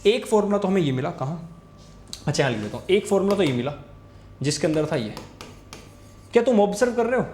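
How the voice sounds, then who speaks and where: Young male tutor, rapid and insistent, bright pitch, recorded in an echoey room. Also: sing-song, slight background noise. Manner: repetitive, urging students to pay attention. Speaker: physics teacher. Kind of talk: fast Hindi tutoring lesson with board writing. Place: room, recording a class video.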